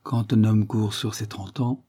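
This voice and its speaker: A man reading aloud, voicing a calm, self-possessed young male lawyer who speaks firmly but with good humour, in a storybook reading. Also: on the low side, measured pace, slightly rough. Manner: firm, evasive, good-humoured.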